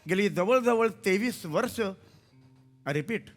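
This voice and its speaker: An actor playing a bumbling, pompous compere in a stage comedy sketch, flustered and tripping over names. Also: male voice, sits high, animated, slow pace, soft background music. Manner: flustered, fumbles names and words. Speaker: comic compere character.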